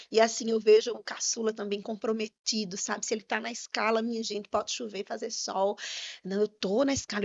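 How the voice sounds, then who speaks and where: Gravelly woman minister telling a testimony. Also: on the high side. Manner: earnest storytelling with fervent religious emphasis. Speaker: minister and podcast guest. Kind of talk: heartfelt personal testimony. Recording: slightly muffled podcast audio.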